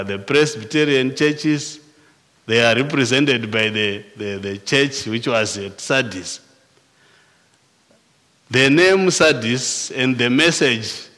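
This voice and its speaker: A male pastor with a Zimbabwean accent delivers a sermon at an unhurried, measured pace. He often restarts and repeats words mid-phrase. His voice carries a long reverb, as in a church hall. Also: medium pitch, fairly bright tone. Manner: slow and deliberate, with frequent restarts and repeated words.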